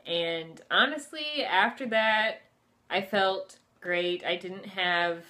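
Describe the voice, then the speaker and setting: A woman's voice: medium pitch, sharp tone. A woman in her twenties talking casually to camera at home as a vlogger, in a chatty, conversational way with plenty of filler phrases. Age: 20s. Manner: chatty, conversational, frequent "like" and "you know". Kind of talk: casual personal storytelling to camera. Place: furnished room at home, indoors.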